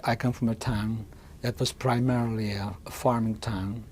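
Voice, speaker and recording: A man in his sixties from Hungary, giving oral history testimony in a halting way, often restarting and repeating words. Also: lowish voice, steady tone, a little mellow, slight background noise. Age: 60s. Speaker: interviewee.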